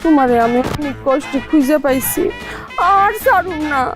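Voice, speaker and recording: A woman's voice: sits high, animated, normal speed, over music. A woman playing a clingy village wife. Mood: pleading. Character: woman claiming an old man as husband. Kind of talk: village comedy skit acting.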